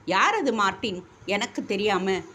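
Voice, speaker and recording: A woman voicing a wealthy young man who fires off sharp, commanding questions. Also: mid-range voice, animated, unhurried, slight background noise, pitched above the performer's own voice. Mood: demanding. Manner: brusque, demanding questions.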